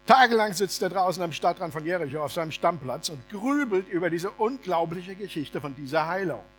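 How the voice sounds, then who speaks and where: A male preacher giving a sermon as a lively, humorous, colloquial story. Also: sits high, fairly quick, faint music behind.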